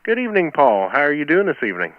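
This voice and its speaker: A man's voice: fairly high pitch, huge pitch swings, quick pace, no room sound, phone-quality sound. An American man hosting an amateur radio net, chatting casually and calling for check-ins over a two-way radio. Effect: heard over amateur two-meter radio. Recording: band-limited two-way radio.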